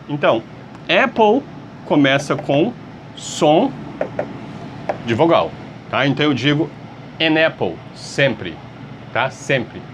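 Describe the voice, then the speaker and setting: Brazilian man, English teacher, slow and lively pitch, faint hum behind, keeps checking in with the class. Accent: Brazilian Portuguese. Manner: patient, repeats words and checks in with "tá?" and "ok?". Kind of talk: online language lesson.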